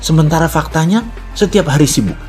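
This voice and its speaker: A middle-aged man earnestly telling a personal story as a motivational speaker, reflective and then animated as he questions himself. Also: on the high side, a little fast, faint music behind.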